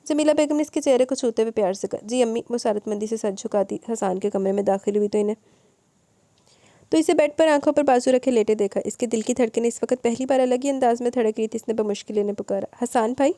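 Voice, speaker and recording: A woman narrating a novel in a steady, expressive storytelling manner. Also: on the high side, no echo. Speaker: audiobook narrator.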